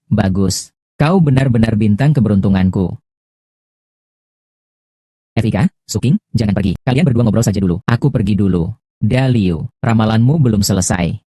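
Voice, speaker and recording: Rapid, dark-voiced male dub reader. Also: fairly low pitch, no room sound, studio quality. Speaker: voice-over reader of a dubbed drama. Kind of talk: fast scripted dialogue dub read in one voice.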